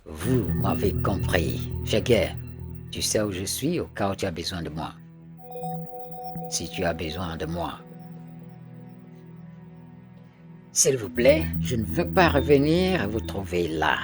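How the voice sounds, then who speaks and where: A stern, domineering boss. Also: male voice, low voice, sing-song, a little slow, music in the background. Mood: cold, dismissive. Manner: commanding, curt. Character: stern domineering man, quick to anger. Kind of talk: French film dub.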